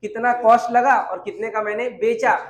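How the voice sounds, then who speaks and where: A man's voice: very high-pitched, normal speed. Man teaching in an echoey classroom. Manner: asks questions and answers them himself, repeats key points. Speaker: commerce teacher. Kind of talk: classroom lecture at a whiteboard. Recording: echoey room.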